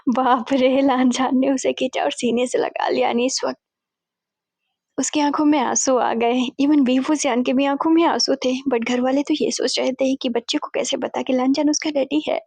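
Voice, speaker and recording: A woman's voice: high-pitched, fairly even intonation, moderate pace, gravelly, a little mellow, husky, no echo. A woman casually retelling a fanfiction story, chatty and mixing in English words as she voices the characters' lines. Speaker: fanfiction narrator.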